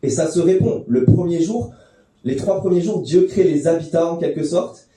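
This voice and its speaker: A man preaches a sermon in a dark, mellow voice, talking through the text in an easy, conversational way with the odd filler and restart. The sound rings around a very echoey church hall, and he stands some distance from the microphone. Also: on the high side, normal speed. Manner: conversational teaching with fillers and restarts, addressing the congregation.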